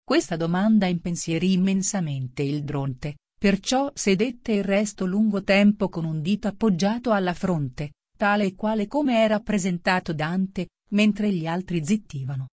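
A woman reading a storybook aloud as narrator, in an even, measured way. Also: medium pitch, no room sound, clean studio sound. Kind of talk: audiobook narration.

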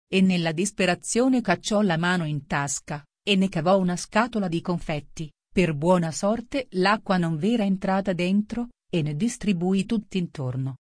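A woman reading a storybook aloud as narrator, in an even, measured way. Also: fairly low pitch, no room sound, clean studio sound. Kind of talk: audiobook narration.

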